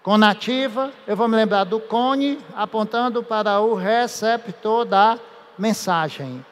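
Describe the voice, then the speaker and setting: A man from Brazil, a teacher giving a lively, joking classroom lecture with drawn-out emphasis. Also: high voice. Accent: Brazilian Portuguese. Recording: echoey hall.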